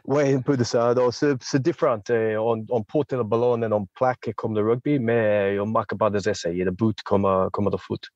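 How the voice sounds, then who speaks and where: A man's voice: fairly low pitch, fairly even intonation, moderate pace, few pauses, darkish tone, dry recording, dull audio. A man from Australia with an Australian accent, speaking French as a second language, hesitant and searching for words as an interview guest. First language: English. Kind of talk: casual interview chat.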